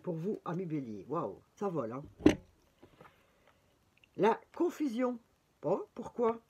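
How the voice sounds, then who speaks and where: A woman with a Belgian French accent chats her way through a tarot reading, her voice sitting a little low. She talks freely, with plenty of fillers and exclamations. Faint noise hums under the recording. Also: sing-song, slow pace, mellow. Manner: chatty, full of fillers and exclamations. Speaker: tarot reader. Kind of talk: casual horoscope reading.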